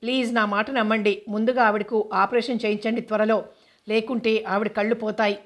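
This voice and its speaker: A woman's voice: mid-range voice, level tone, fairly quick, close to an everyday voice. Woman voicing a fussy meddling man. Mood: insistent. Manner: insistent, pleading. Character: fussy meddling man fretting over eyesight.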